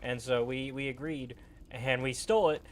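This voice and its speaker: Gamer, casual commentary, rambling informal storytelling, middle-pitched voice. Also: fairly even intonation, moderate pace, slight background noise. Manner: rambling, acts out quotes informally. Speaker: player recapping and narrating a game.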